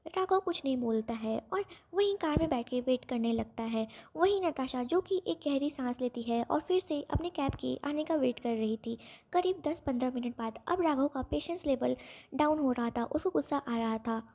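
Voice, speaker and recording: Woman narrator, high pitch, mellow tone, steady scripted storytelling. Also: moderate pace.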